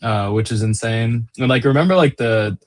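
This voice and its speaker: A man's voice: medium pitch, moderate pace. A young man hosting a podcast, chatting casually and reading out listener questions. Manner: chatty, laughs often, lots of "like". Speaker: podcast host. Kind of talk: casual chat.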